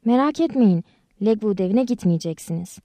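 A woman reading the lines of a kind, gentle adult man in an audiobook, with a soft, reassuring way of talking. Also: medium pitch, lively intonation, moderate pace, no room sound, studio quality, natural voice.

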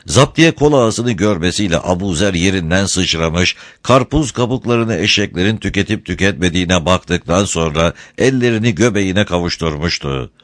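A man narrating a story in a steady, measured reading voice. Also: sits low, no echo.

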